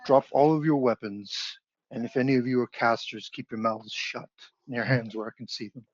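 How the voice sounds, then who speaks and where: Man voicing a deep-voiced stern orc guard. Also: fairly even intonation, brisk, dry recording, lightly acted. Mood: threatening. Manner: stern, interrogating. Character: tall gruff male orc spear guard, suspicious. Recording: dull lo-fi online audio.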